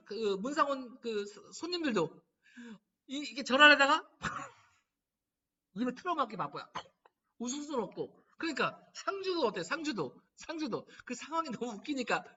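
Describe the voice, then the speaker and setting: Animated man giving a lively lecture. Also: extremely high pitch, moderate pace, husky. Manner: animated storytelling, acting out quoted lines. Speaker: laughter therapy lecturer. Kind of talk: humanities lecture. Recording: dull, distant lo-fi recording.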